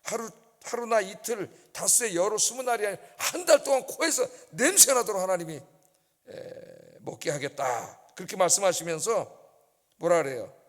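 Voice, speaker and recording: A male pastor with a high, lively voice that rises and falls widely as he preaches. He keeps throwing rhetorical questions at the congregation. His voice carries a long reverb from the church sanctuary. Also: moderate pace. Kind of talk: dawn service sermon.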